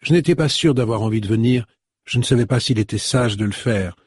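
Audiobook role: a calm hesitant woman, read by a man, husky, dry sound. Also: medium pitch, a little fast, no echo, close to an everyday voice.

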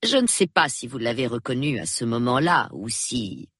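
A man reading an audiobook, voicing a shrewd, prim elderly spinster who speaks in a measured, precise, calmly reproving way. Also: mid-range voice, breathy edge, dry recording, studio quality. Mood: calm, knowing. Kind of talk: audiobook character voice.

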